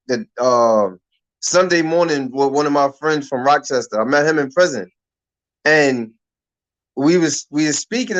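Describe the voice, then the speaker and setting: A man in his thirties from Harlem hosts a talk-radio conversation, and his voice sits notably high for a man. He talks casually and loosely in street slang, often starting a sentence over before he finishes it. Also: a bit bright, poor audio. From Harlem, New York. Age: 30s. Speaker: radio show host.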